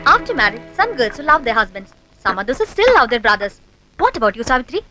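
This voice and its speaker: A woman's voice: a little high, big pitch swings, extremely slow, bright, forceful tone, faint music behind, exaggerated voice, poor audio. An actress playing a snobbish rich young woman who taunts others in film dialogue. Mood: taunting.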